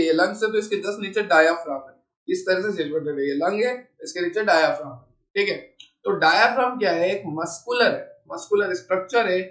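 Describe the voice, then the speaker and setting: A man's voice: high-pitched, a bit bright, reverberant. A man teaching biology in a classroom lecture, mixing in English textbook terms and asking checking questions.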